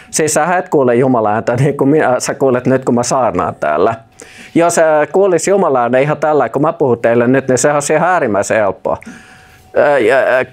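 A man preaching a sermon in an informal, direct way, with many hesitation fillers. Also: medium pitch. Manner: lively rising and falling delivery with frequent hesitation fillers; informal speech, addresses listener directly.

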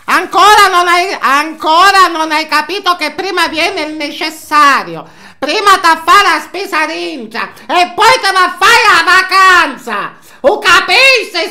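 A man's voice: sits high, sharp tone, heavily acted. An older man playing a nosy, indignant Sicilian housewife in a comic monologue, scolding and repeating himself in Sicilian dialect. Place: small indoor room, seated facing camera.

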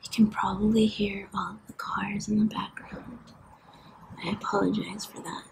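A soft spoken woman in her twenties whispering ASMR close to the mic in a hotel room. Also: mid-range voice, level tone, normal speed, gravelly, slight background noise, poor audio. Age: 20s. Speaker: beginner ASMR video maker. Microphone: close to camera or laptop, leaning in.

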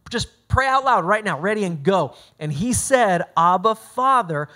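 A man's voice: high voice, lively intonation, normal speed, a bit bright. Earnest male pastor. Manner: earnest, emphatic, with frequent restarts. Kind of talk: sermon delivered as a conversation.

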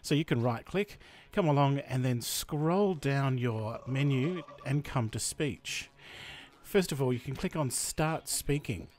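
A man from Australia hosting a software tutorial voice-over, explaining each step in a chatty way. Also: mid-range voice, expressive, measured pace. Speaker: tutorial host. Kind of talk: screen-recording tutorial voice-over.

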